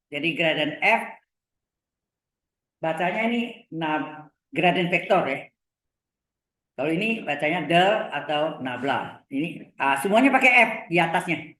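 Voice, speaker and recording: A middle-aged man gives a maths lecture in a slightly high voice. He talks slowly, repeating key terms and asking whether the class follows. The room sounds echoey. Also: expressive, sharp tone. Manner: slow, repeats terms, asks checking questions. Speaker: university lecturer. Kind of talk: live lecture on vector calculus.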